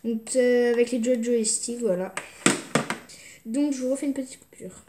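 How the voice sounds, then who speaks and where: High-voiced young woman showing her games. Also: moderate pace, noisy background. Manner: hesitant, many fillers and restarts. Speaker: video game collector showing her games. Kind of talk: casual unboxing chat.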